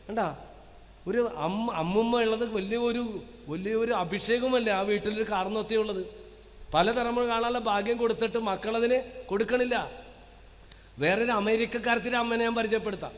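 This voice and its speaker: A man preaching as a priest, telling stories animatedly and asking the audience questions. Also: very high-pitched. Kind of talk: sermon. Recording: long hall reverb.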